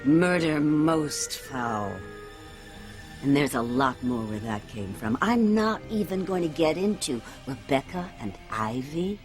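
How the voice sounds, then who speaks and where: A woman's voice: low-pitched, lively intonation, slow, a little mellow. A scheming witch trapped in a bottle, who cackles and lingers over every word as she boasts. Her voice swoops far up and down with theatrical relish, over a faint bed of music. It is a soap opera villain's gloating.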